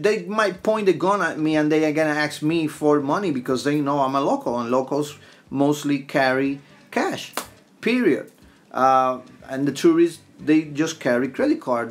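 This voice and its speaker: Blunt Puerto Rican man rambling on a podcast. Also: on the high side. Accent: Puerto Rican Spanish. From Puerto Rico. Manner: rambling, frequent restarts, blunt asides. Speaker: podcast host. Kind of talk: casual podcast monologue.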